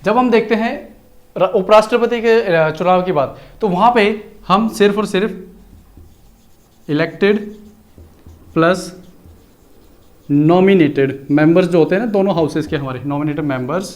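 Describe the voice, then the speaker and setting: A man's voice: high voice, measured pace, long pauses. A male teacher lecturing in a chatty, explanatory way, slipping terms into his talk. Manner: chatty, explanatory, mixes Hindi with English terms. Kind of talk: recorded exam-prep lecture.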